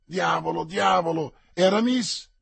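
A man's voice: a little high, very animated, takes it slowly, husky, no room sound, exaggerated voice. A man reading aloud and voicing a bold, impatient young male musketeer with emphatic exclamations.

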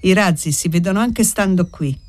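A grave, brooding servant woman in a storybook reading, put on by a woman narrator. Her replies are short and curt, in a somewhat low voice. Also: moderate pace, a little mellow, lightly acted. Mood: terse. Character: young adult woman servant, guarded and brooding. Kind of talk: audiobook reading.

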